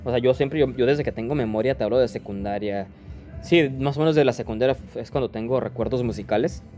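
A man's voice: medium pitch, fast, dark tone, faint music behind. A man, chatting casually in slangy speech full of repeated restarts. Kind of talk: casual chat.

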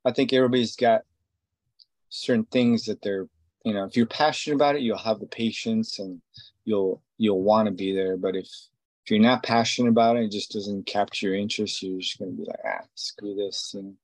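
A man's voice: on the low side, steady tone, a little fast, a little mellow, no echo. A man in his forties from Israel, a tattoo artist, talking casually in an interview and rambling with many fillers and restarts. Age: 40s.

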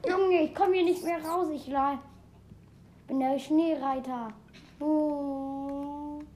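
High-voiced, excitable female gamer. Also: takes it slowly, slight background noise. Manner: excitable, chatty, keeps exclaiming. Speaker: game player. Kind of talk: casual gameplay commentary.

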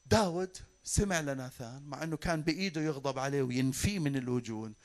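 A man preaching a sermon from a church pulpit in Levantine Arabic, animated and fervent as he talks to his congregation. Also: mid-range voice, fast talker. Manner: animated, fervent, addresses the flock warmly. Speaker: pastor.

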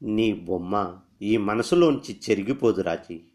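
A man's voice: lowish voice, measured pace, a little mellow, natural voice. A man reading a story aloud, voicing a lovesick young army officer who pleads earnestly. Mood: pleading.

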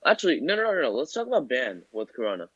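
A teenage boy talks on a video call in a casual, rambling way. He hesitates and starts over often, at an everyday middle pitch. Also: sing-song, fast, a bit bright, breathy edge, dry recording, highs cut off. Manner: rambling, hesitant, full of restarts.

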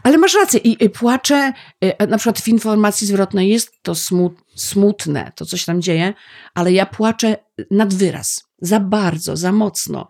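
Woman, middle-aged, husky, gravelly, emotional, rambling casual chat. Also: mid-range voice, measured pace, darkish tone. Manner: emotional, tearful, rambling with restarts. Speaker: podcast co-host.

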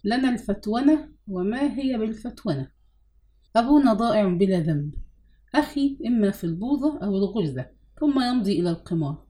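A woman's voice: mid-range voice, animated, a little fast, dark tone, lightly acted. A woman reading a weary, serious brother. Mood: grave. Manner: grave, sorrowful.

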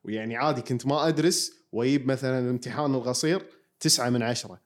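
Dude on a podcast, rapid talker, mid voice, jokey and animated. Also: male voice, mid-range voice. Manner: quick, animated storytelling, joking. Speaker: podcast co-host. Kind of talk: casual chat.

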